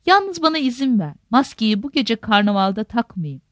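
A woman's voice: on the high side, big pitch swings, normal speed, no echo, clean studio sound. A woman voicing an earnest, respectful young man, a nephew, in a storybook reading. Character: eager young Venetian nephew, earnest youth.

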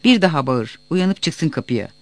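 A man doing a shouting village watchman. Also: a little high, very animated, normal speed, no echo. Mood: calling. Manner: shouting, coaxing. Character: village night watchman, respectful, calling out.

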